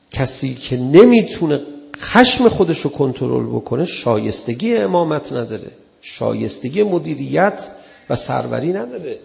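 A man's voice: high voice, gravelly, darkish tone, big-room sound. A man giving an earnest religious sermon in a conversational way, acting out the people he quotes. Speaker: preacher.

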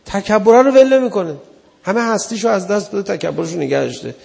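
High-voiced preacher man with a gravelly edge. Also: darkish tone, big-room sound. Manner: earnest, conversational, acts out quoted people. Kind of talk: religious sermon.

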